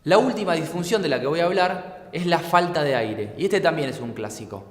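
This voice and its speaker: A man with an Argentine accent teaches a lesson in a somewhat high voice, laying out each point patiently and clearly. He keeps posing rhetorical questions to his listeners. The sound is roomy, with a long echo trailing off the walls. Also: animated, fairly quick. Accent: Argentine Spanish. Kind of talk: explanatory lecture. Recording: echoey room with long reverb.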